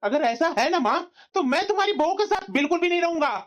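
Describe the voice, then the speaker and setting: A woman's voice: high voice, expressive, fairly quick. A woman voicing a hot-tempered grown son in a cartoon, who orders his wife around and defends his mother. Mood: indignant. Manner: angry, commanding. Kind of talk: cartoon voice acting. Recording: slightly dull lo-fi audio.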